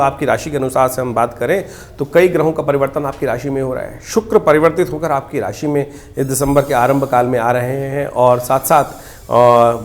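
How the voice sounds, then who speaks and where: A man's voice: medium pitch, gravelly. A man speaking as an astrologer, giving a horoscope talk in an explanatory, advising way.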